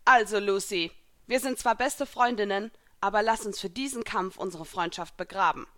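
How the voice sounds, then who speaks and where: A woman voicing a stern, confident young woman warrior who taunts and commands in a raised, higher voice. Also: moderate pace, fairly bright tone, close to an everyday voice. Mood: fierce, taunting.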